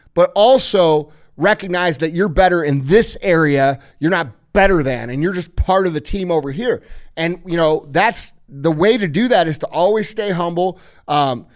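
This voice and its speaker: A man hosting a podcast, giving blunt, emphatic motivational advice with heavy swearing. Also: high-pitched. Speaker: podcast host.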